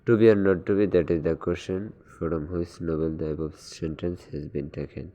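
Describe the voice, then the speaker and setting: Slow, deep-voiced male quiz tutor. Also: fairly even intonation, mellow, highs cut off. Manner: reads quiz questions slowly, then explains in quick asides. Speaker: exam tutor. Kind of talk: exam-prep lesson.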